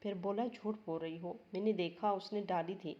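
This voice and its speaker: A woman's voice: mid-range voice, fairly even intonation, normal speed, dull audio, lightly acted. A woman voicing an innocent, sad little boy who makes simple, plaintive complaints in a spoken story. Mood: tender.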